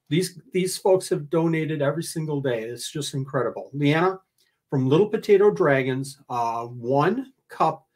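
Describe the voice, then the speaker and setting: Casting: older male livestream host, husky and a little high, chatty and joking while reading out giveaway gifts. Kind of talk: casual giveaway announcement, reading out gift list. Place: indoor room, livestream.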